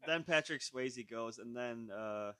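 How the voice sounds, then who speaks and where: A man co-hosting a casual podcast who recaps the plot in fits and starts, leaning on "like" at every turn. His mid-pitched voice is recorded dry and close-miked. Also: a little slow, fairly bright tone, smooth, no echo. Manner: recapping a film, filled with "like" and hesitations. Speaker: podcast co-host. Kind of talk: casual chat.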